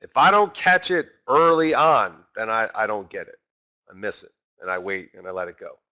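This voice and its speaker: A man teaching a recorded trading lesson, animated and talking straight to his viewers, acting out a trader's inner voice. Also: lowish voice, moderate pace. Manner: talks straight to the viewers as guys. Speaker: trading instructor.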